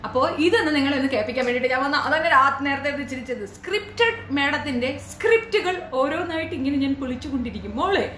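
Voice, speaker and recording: A woman's voice: high voice, expressive, racing, hardly any pauses, a bit bright, a little hiss or hum. A woman giving reaction commentary in a sarcastic, taunting way, firing rhetorical questions at the listener. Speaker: commentary YouTuber. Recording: roomy echo.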